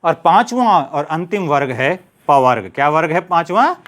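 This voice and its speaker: A middle-aged man with a Hindi accent teaching a Sanskrit grammar lesson, reciting letters slowly and asking and answering his own questions. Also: fairly high pitch, sing-song, a bit bright. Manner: slow, deliberate recitation of letters.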